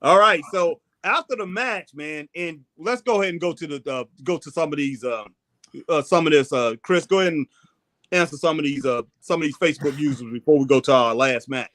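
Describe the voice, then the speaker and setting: A man's voice: on the high side, a little fast, a bit bright. A man hosting a casual sports chat in a folksy, conversational way, often tagging sentences with "man". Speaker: host of a wrestling talk show.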